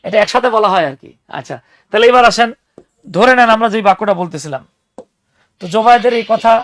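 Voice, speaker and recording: A young man teaching spoken English in an online class, lively and teasing, explaining patiently with examples. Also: high voice, fast talker, no echo.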